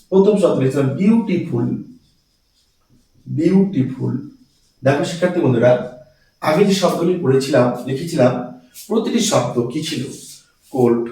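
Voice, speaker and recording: A male teacher giving a grammar lesson with a mellow, dark voice, repeating each key word and firing quick questions at his pupils. He stands away from the microphone in a very echoey classroom. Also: medium pitch, distant mic. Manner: repeats key words and quizzes students. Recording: echoey room, off-mic.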